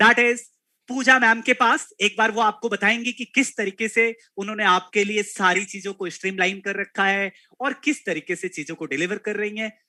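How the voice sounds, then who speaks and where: A man's voice: high-pitched, steady tone, moderate pace, bright, forceful tone, no echo. A man hosting a live online class, addressing students as kids and mixing English phrases into his Hindi.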